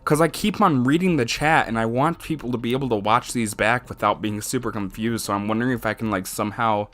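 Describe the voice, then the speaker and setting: A man's voice: medium pitch, fast talker, fairly bright tone. A man getting over a sickness, rambling casually through game commentary and laughing often, close to a desk mic. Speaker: let's play streamer.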